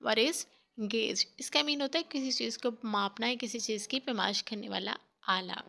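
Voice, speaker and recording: A woman with a mother tongue, teaching a spoken English lesson through slow, deliberate pronunciation drills. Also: fairly high pitch, vocal fry, sharp tone. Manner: slow, deliberate quiz-style word drills.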